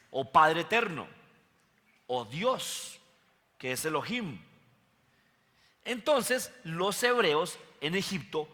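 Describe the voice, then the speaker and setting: A man's voice: on the high side, bright, forceful tone. Male pastor preaching in an echoey hall. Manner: teaching with questions to the congregation. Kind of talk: sermon teaching. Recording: echoey hall with faint guitar.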